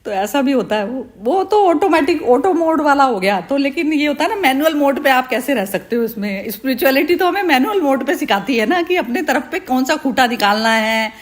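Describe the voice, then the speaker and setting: A woman's voice: high-pitched, moderate pace. A woman hosting a spiritual group discussion who laughs often and speaks candidly. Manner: laughs often while talking, relaxed and candid. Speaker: session host.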